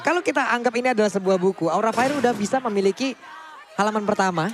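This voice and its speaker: High-voiced colloquial Indonesian male esports caster. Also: fast talker, noisy background. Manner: colloquial, emphatic. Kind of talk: live esports analysis. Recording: game broadcast with music behind.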